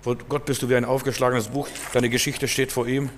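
A man delivers a sermon with emphatic stresses, dropping often to quieter, lower lines. His voice sits in the middle range and rings with a long reverb. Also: little pitch movement, brisk, slight background noise. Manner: emphatic, swinging between loud and soft. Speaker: preacher.

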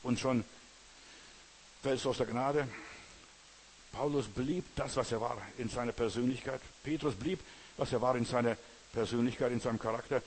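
Male preacher, mid-pitched, earnest and direct sermon delivery, light hiss. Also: fairly even intonation, moderate pace, long pauses, a little mellow, low-quality recording. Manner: earnest, addresses listener directly with repeated "verstehst du".

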